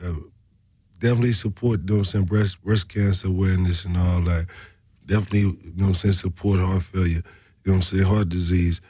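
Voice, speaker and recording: Talking fast in a low, steady, darkish voice, this interview host keeps a casual radio conversation going, circling back over the same points. He punctuates nearly every thought with "you know what I'm saying," and the studio recording has no echo.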